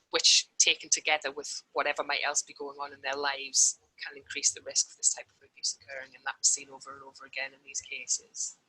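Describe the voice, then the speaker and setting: Woman, researcher, audio cutting in and out, uneven volume, crisp forceful tone, thoughtful restarts. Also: deep voice, low-quality recording. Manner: thoughtful, many restarts and fillers. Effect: mic audio dropping in and out, uneven volume. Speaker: researcher presenting at a seminar. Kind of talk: academic presentation and Q&A.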